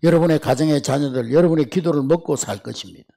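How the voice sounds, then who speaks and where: A man's voice: fairly high pitch, fast, creaky, warm tone. A man delivering a sermon as pastor, preaching with emphasis and often calling out to the congregation.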